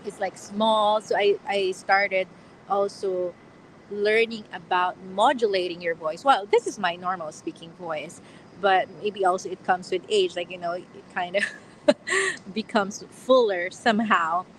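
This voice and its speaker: A woman's voice: medium pitch, measured pace, a little hiss or hum, rough recording. A young woman hosting a casual live question-and-answer stream outdoors, chatty, with frequent laughs and fillers. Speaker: livestream host. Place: outdoors on a platform.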